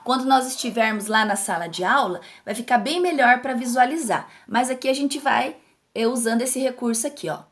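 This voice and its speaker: A woman's voice: fairly high pitch, fairly quick. A young Brazilian woman teaching an online grammar lesson to children, patient and sing-song, often checking in with her pupils. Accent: Brazilian Portuguese. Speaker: school teacher.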